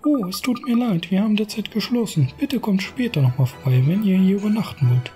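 A man's voice: sits high, expressive, fairly quick, dark tone, faint music behind, pitched above the performer's own voice. A man voicing a polite, apologetic cat innkeeper from a fantasy game. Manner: courteous, apologetic.

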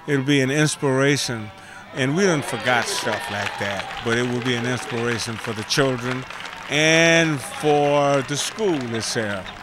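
An older man speaking slowly and from the heart in an interview. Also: medium pitch, loud music behind the voice, over a noisy crowd. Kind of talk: casual interview answers.

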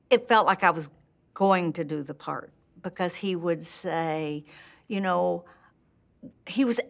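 A lowish, creaky voice belongs to an older Texan actress being interviewed in a room with plants and curtains. Speaking in a Texan accent, she recalls her start in acting warmly and candidly, laughing often and restarting sentences.

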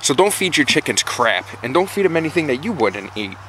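A slightly high, sing-song male voice comes through at a fairly quick clip. He's a backyard chicken vlogger giving laid-back how-to guidance, repeating points for emphasis, outdoors and inside a small wooden coop. The sound is noisy, recorded on a handheld camera by an operator standing behind it.

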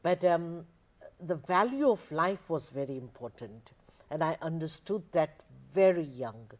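A notably low-pitched older woman from Zambia speaks as a guest in a television studio. She explains things plainly and unhurriedly, her words carried by a lapel mic. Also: expressive, unhurried. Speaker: guest, spiritual teacher. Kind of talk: calm interview answers. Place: TV studio, indoors.

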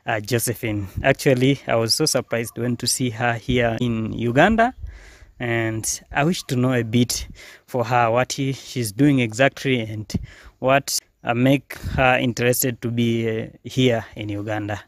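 A man's voice: medium pitch, measured pace, no room sound. A young man hosting an interview outdoors in a garden, asking questions with frequent fillers into a handheld phone. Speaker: interviewer, channel host. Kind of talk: casual interview.

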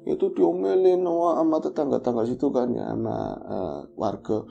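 A man telling a horror story in casual chat, animated and acting out the voices of the people in it. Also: medium pitch, moderate pace, vocal fry, dull audio. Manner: animated, acts out quoted voices. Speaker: guest storyteller.

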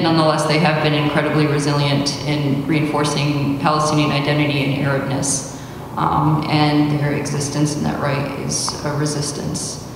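A woman's voice: sits low, noisy background. A young woman at an open mic, speaking hesitantly with many fillers before reading a poem at a podium. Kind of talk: spoken word poetry reading. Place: large indoor hall, at a podium. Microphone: stand mic at podium, recorded by far camera. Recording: echoey hall recorded from far off.

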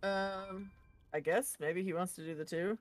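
A woman's voice: lowish voice, steady tone, unhurried, dry recording. A woman streaming a game, chatting casually and playfully and swearing now and then. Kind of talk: casual gaming chat.

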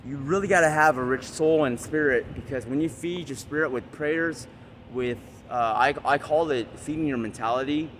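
A man's voice: mid-range voice, a bit bright, slight background noise. A man vlogging motivational advice in a boastful, hyped way, swearing freely. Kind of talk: casual motivational monologue.

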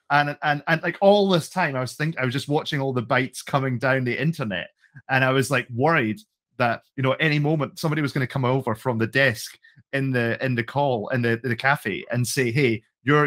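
A man's voice: medium pitch, fairly bright tone. A Scottish man in his forties, a podcast host, telling a story animatedly with many restarts, from his home office on a studio mic. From Scotland. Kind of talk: casual conversation. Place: home office with retro computers. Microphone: headphones, large studio mic on arm.

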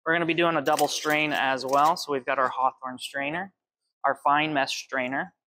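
A man's voice: a little high, fairly even intonation, normal speed, bright, forceful tone, a little hiss or hum. A young man in his twenties working as a bartender, walking through cocktail recipes step by step at an indoor bar. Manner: friendly step-by-step instructions while mixing. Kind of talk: cocktail demonstration. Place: indoor bar with shelves of bottles.

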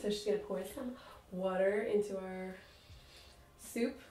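A woman's voice: mid-range voice, fairly even intonation, measured pace, mellow. A woman co-hosting a casual snack taste-test video, chatting with lots of fillers. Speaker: vlog co-host. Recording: roomy sound from a distant mic.

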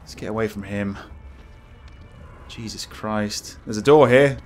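A man's voice: fairly low pitch, unhurried. A man giving casual let's play commentary as a scared, jumpy horror game streamer who exclaims and swears. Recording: music behind the voice.

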